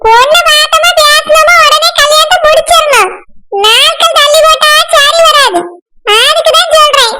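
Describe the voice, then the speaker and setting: A woman voices an eager, insistent groom's mother in a cartoon, talking persuasively in a Kanyakumari accent. Her voice is pitched extremely high. Loud noise sits under the recording. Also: normal speed. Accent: Kanyakumari Tamil. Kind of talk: cartoon voice acting.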